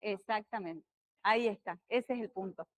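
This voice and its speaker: A middle-aged woman with an Argentine accent giving a law lecture in a classroom, talking loudly and asking students questions. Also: medium pitch, moderate pace. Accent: Argentine Spanish. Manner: lively, talks loud, asks students questions. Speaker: law teacher.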